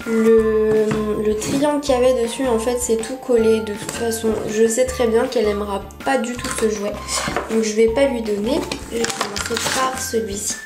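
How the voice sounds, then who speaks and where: Casual woman vlogger, somewhat high voice, hesitant and filler-heavy; roomy echo. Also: fairly even intonation, normal speed, music in the background. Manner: hesitant, with frequent "euh" fillers and restarts; speaks affectionately to her dog. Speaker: pet vlogger reviewing a dog subscription box. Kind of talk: casual unboxing chat to camera. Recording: roomy echo, mic at a distance, faint noise.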